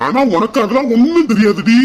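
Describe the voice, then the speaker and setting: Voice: mid-range voice, sing-song, quick pace. A performer voicing an angry middle-aged businessman father with a Kanyakumari Tamil accent, ranting about his losses. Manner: ranting and lamenting.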